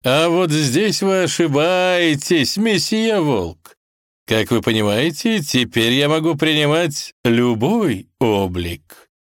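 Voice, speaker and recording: Man doing a storybook genie, male spirit, smug, theatrical, flowery, high and slow. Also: animated, no room sound, clean studio sound. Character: grandiloquent male genie, smug shape-shifter.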